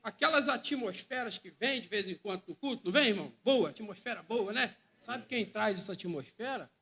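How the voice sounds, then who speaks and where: A man's voice: high-pitched, animated, brisk, sharp tone. A man with a Brazilian Portuguese accent preaching a sermon, fervent and emphatic, often repeating phrases and calling listeners brother.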